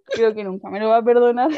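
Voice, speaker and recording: A woman's voice: on the high side, mellow, no room sound, dull audio. A young woman in her twenties with a Chilean accent, telling her story in casual chat and laughing often. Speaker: guest.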